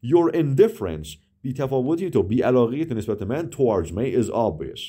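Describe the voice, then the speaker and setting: A man whose first language is Persian, teaching English vocabulary. He explains in Persian and says the English example sentences slowly and with care, often repeating words and stopping short to correct himself. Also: mid-range voice, very animated, dark tone, husky. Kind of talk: vocabulary lesson with example dialogues.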